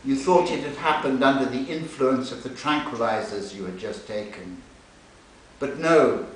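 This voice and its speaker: A medium-pitched male literary translator reads aloud at a live reading, first introducing a novel and then reading an extract. It was recorded from a distance in an indoor library event room by a recorder kept away from him, so the sound is echoey and hissy.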